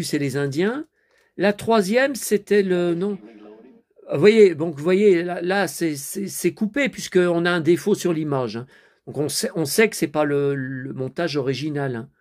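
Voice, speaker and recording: A man giving a casual running commentary while watching a DVD, chatty, often turning to his viewers and muttering to himself when flustered. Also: on the high side. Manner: chatty, keeps addressing viewers with tag words. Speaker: vlogger reviewing a DVD.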